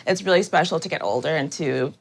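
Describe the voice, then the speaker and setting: A woman's voice: low-pitched, quick pace, creaky. A young woman from Dallas, a food editor asking friendly, curious questions in a live kitchen interview. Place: home kitchen, indoors.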